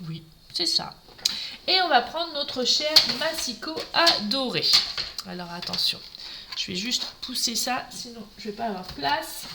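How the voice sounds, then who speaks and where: A woman's voice: a little high, animated, unhurried, heavy background noise. A woman from Normandy leading a live papercraft tutorial, chatting and greeting viewers by name as she works at her craft table. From Normandy, France. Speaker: craft demonstrator.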